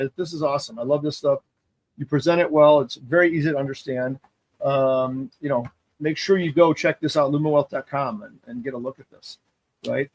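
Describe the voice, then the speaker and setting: A man's voice: on the high side, darkish tone, no room sound. A man hosting a casual chat, enthusiastic and affirming, often repeating his praise. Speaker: host.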